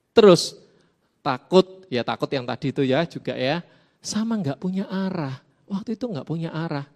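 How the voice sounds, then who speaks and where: A man preaching a casual youth sermon in a church, lively and full of questions to the audience. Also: high-pitched. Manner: lively, asks the audience questions, playful asides. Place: church hall.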